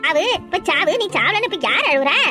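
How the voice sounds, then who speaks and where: A woman's voice: extremely high pitch, expressive, fairly quick, over music. A woman voicing a distraught young wife in a Tamil cartoon, wailing and accusing in a southern Tamil accent. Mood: anguished. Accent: southern Tamil Nadu.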